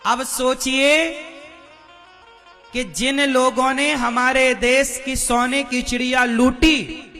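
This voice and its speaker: A man's voice: very high voice, pushed and bright. A man preaching a devotional sermon to a live crowd, firing questions at the listeners and demanding answers. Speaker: religious preacher.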